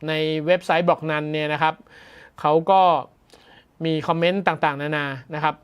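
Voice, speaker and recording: A man's voice: a little high, steady tone, moderate pace, fairly bright tone, smooth. A man hosting a tech news show, commenting in a chatty, amused way and laughing often as he reacts to the story.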